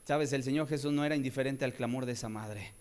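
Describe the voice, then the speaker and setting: A man preaching a sermon, moving between soft, low pleading and loud, raised cries, and often asking his listeners rhetorical questions. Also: fast talker, clear, resonant tone. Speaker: pastor.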